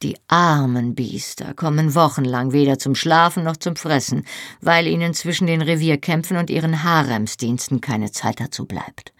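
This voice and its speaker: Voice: medium pitch, normal speed, fairly bright tone, no room sound, studio quality, natural voice. A reader doing a bawdy joking innkeeper man. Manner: confiding, joking. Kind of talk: audiobook reading.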